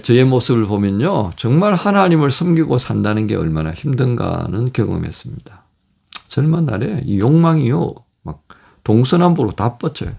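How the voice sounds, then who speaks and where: A middle-aged male pastor giving a daily devotional sermon, animated, acting out quoted speech. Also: medium pitch, creaky, breathy edge. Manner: animated, acts out God and fathers in quoted speech.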